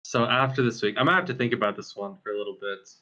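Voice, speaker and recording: A man with a bright, forceful voice answers questions after a match, loose and rambling with many fillers and easy laughs. The audio sounds dull and lo-fi, lacking crisp highs. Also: fairly even intonation, racing. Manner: casual, filler-heavy, laughs often. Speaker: pro esports player. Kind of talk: post-match interview.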